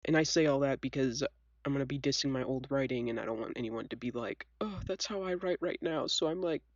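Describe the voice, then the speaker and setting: Sniffly with a cold, a young video host tells stories in a casual, self-deprecating chat, her voice stuffed up and scratchy. She talks fast in a very deep voice, and the recording is dull with no echo.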